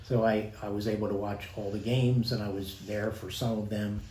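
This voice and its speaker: Older priest with a faint Baltimore accent. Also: male voice, lowish voice, level tone, a little mellow. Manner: reflective, unhurried, with small restarts. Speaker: priest, podcast guest. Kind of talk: relaxed storytelling interview. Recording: echoey room with faint noise.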